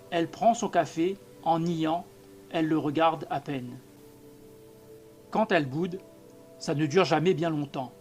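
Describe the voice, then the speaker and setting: A man reading a short story aloud as an audiobook narrator, in a measured, calm manner. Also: a little high. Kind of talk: scripted narration.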